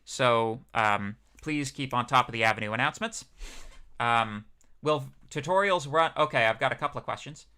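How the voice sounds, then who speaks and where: A man's voice: mid-range voice, normal speed, bright, forceful tone, clear, resonant tone. A young man, a PhD student teaching a university course, giving a casual livestreamed lecture in a chatty, rambling way with many fillers.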